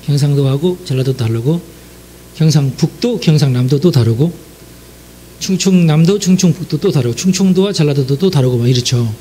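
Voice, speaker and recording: A man's voice: fairly high pitch, a little fast, dark tone, a little hiss or hum. A man from the Jeolla region giving a conversational sermon, chatty and speaking straight to his listeners. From Jeolla region, South Korea. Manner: chatty, addresses the audience directly, frequent affirming asides. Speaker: preacher.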